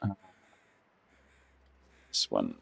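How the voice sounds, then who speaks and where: A middle-aged gaming streamer from England, with a posh English accent, chats casually with viewers as he plays, rambling with dry self-deprecating humour. His voice has a fairly bright tone and he speaks extremely slowly.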